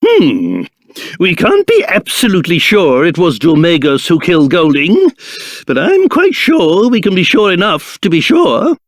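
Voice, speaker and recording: A pompous old video game king with a hugely animated delivery. He stretches his words slowly and theatrically, blustering like royalty one moment and doting like a fond father the next. The recording is close and dry. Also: high-pitched, no room sound, exaggerated voice. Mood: musing, pompous.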